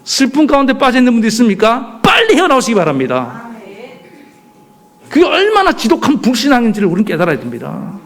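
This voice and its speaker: A man's voice: extremely high pitch, huge pitch swings, quick pace. A male pastor preaching a sermon emphatically, pressing the congregation with rhetorical questions.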